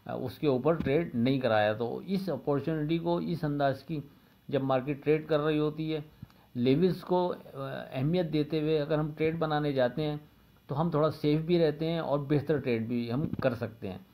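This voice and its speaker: A man's voice: a little high, normal speed. Methodical male market analyst with Pakistani accent. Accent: Pakistani Urdu. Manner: steady, methodical, repeats figures and levels, frequent "uh" fillers. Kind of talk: daily market forecast commentary.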